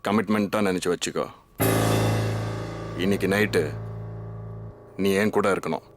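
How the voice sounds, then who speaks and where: A sleazy, domineering villain speaking in a low, menacing murmur. Heavy film music plays behind his lines. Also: fairly even intonation, measured pace.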